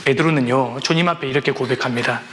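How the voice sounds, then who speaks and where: A man's voice: mid-range voice, fast, a bit bright, a little hiss or hum. A man preaching a sermon to his congregation, earnest, with rising exhortations and direct questions to the listeners. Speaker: pastor. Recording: long reverb in a large hall.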